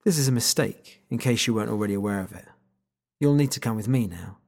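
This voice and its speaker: A man voicing a smug, gravelly agent. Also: on the low side, fast talker, a little mellow. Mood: calm, smug. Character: cool, smug male agent who cancels powers.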